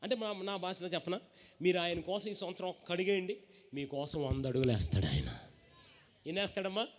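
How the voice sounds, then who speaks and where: A man preaching a lively call-and-response sermon, acting out the characters of the story and urging the congregation to shout back. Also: high voice, fairly quick. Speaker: pastor.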